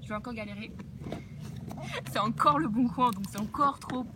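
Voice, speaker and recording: A woman's voice: on the high side, normal speed. A young woman chatting casually and enthusiastically while unboxing outdoors near horses, with plenty of fillers. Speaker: equestrian vlogger. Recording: noisy outdoor ambience.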